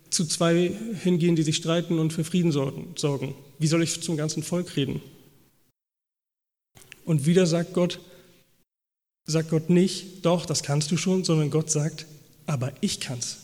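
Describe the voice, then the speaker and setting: Brief: male preacher, mellow, slightly high voice, lively quoted dialogue, hall reverb. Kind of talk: sermon. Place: church hall. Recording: long reverb of a church hall.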